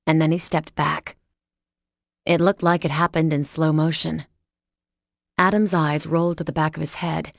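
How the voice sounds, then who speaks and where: A woman reading a first-person romance audiobook in a steady, measured way. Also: low voice, vocal fry, dry recording, studio quality. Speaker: audiobook narrator.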